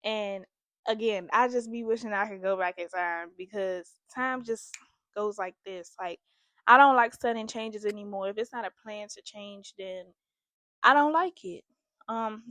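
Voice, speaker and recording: A woman's voice: medium pitch, moderate pace, fairly bright tone, dry recording. A young woman hosting a candid, confessional vlog, talking earnestly and emotionally straight to her viewers. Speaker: host.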